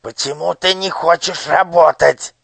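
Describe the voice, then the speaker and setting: A man voicing a cruel, shrill male minister who screeches and spits with rage in a storybook reading. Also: fairly even intonation, unhurried, creaky, slightly rough, no echo, full character voice. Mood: cold sneer. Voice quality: squeaky, piercing, screeching. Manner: shouting, spitting with rage.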